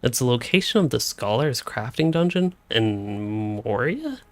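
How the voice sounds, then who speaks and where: With a sing-song, medium-pitched voice, a young male streamer hiccups his way through relaxed commentary on his game, thinking aloud at a desk mic at home. His pace is a little slow, and the recording is dry.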